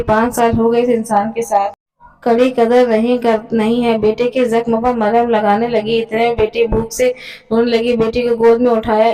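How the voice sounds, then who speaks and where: A woman reading a sad family story aloud in an even, plain way, stumbling and restarting now and then. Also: on the high side, distant mic, rough recording.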